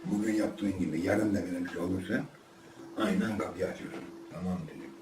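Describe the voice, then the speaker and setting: A man's voice: sits low, a little fast, background noise. Older man, interview subject, rambling and repetitive storyteller, recorded from a distance in a roomy space with faint background ambience. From Ardahan, northeastern Turkey. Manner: rambling, acts out quoted dialogue, repeats himself. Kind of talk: casual spoken memoir.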